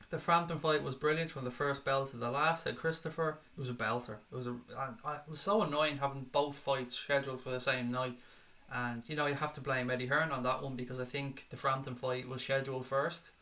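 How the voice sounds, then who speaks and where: An Irish man with a bright, forward voice talks through viewer comments in a loose, unscripted way. He is blunt and swears casually, keeping a friendly back-and-forth with his chat. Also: medium pitch. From Ireland. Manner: blunt, swears freely, chatty replies to comments. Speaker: livestream host reading chat.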